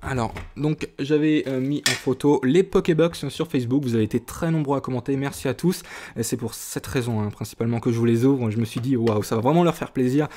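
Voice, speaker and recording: Man, video host, casual unboxing chat, excited exclamations, hesitant, mid pitch. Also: brisk, slight background noise. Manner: enthusiastic, often exclaims in wonder; hesitant, many fillers and restarts. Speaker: YouTuber opening a trading card tin.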